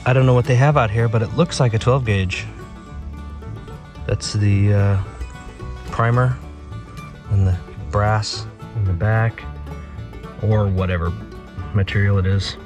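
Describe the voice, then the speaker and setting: Man, lowish pitch, casual hobby vlog, tentative thinking aloud, outdoors, prominent guitar music. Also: fairly even intonation, unhurried, long pauses. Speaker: metal detecting hobbyist presenting his finds. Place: outdoors in a backyard.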